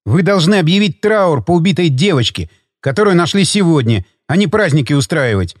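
A man reads an audiobook with clean studio sound and no room echo, voicing a stubborn, sharp-tongued young husband who answers back with curt, defiant retorts. His voice is a little high, and his delivery is very animated and a little fast.

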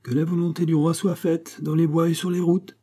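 A proud, scornful queen, sharp and quick to take offence, as a male storyteller puts her on with a raised voice. The tone stays mellow and soft-edged, and the delivery is dignified and cutting. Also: fairly high pitch, flat delivery, pitched above the performer's own voice, natural voice. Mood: light. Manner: disdainful, sharp retorts. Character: proud haughty queen, woman, quick to anger.

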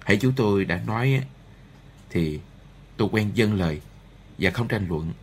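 A man reading a novel aloud in the first person, in a measured, steady way. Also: on the low side, husky. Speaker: audiobook narrator.

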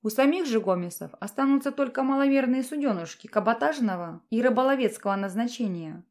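A woman reading a fantasy romance audiobook in an even, measured narration. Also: fairly high pitch. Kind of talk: scripted narration.

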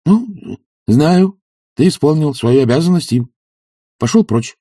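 Man putting on a cranky half-asleep gentleman. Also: on the high side, sing-song, unhurried, breathy edge, dry recording, studio quality, pitched above the performer's own voice, full character voice. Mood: indignant. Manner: grumbling sleepily, flaring into indignant shouts. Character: drowsy irritable young gentleman woken from sleep.

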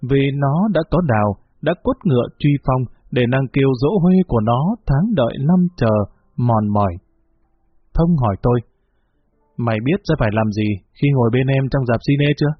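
A man narrates a novel, carrying the dialogue along in his own storytelling voice. His tone is slightly husky and sits at an ordinary middle pitch. The recording is dry and thin, like it came through a phone line. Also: lively intonation, normal speed, no echo. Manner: storyteller voicing dialogue lines. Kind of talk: audiobook narration.

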